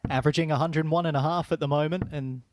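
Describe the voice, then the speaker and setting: A man's voice: a little high, fairly even intonation, very fast, a little mellow. A man giving conversational live commentary on a darts match, with noise and clicks behind him.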